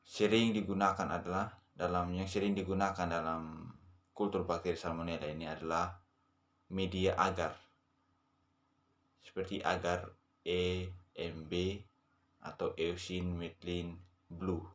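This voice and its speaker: A man's voice: sits low, flat delivery, unhurried, long pauses. A young man, a veterinary student, reading a class presentation steadily, sometimes correcting himself.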